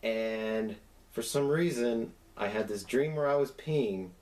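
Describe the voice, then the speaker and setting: A young man with a mid-pitched voice talks in a relaxed, loose way and swears freely. The sound carries the echo of a bare room. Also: slow. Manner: laid-back, swearing casually. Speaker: co-host. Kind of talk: casual chat.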